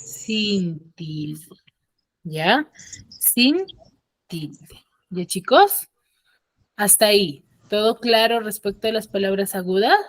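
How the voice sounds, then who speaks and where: With a mid-range voice and lively intonation, this woman speaks slowly, leaving long pauses as she patiently teaches an online class and keeps asking whether students follow. She's on a computer mic during a video call, yet the sound is clean and studio-like, with no room sound.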